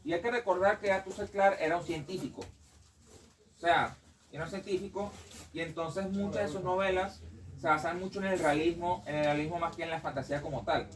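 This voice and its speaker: A man's voice: a little high, far from the mic, slight background noise, poor audio. A man speaking as a panelist at a bookstore debate, rambling and correcting himself often. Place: bookstore event.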